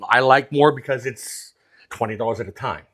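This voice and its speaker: A man's voice: mid-range voice, moderate pace, fairly bright tone. A plain-spoken man working as a craps dealing instructor, explaining things step by step in a casual, hands-on teaching style.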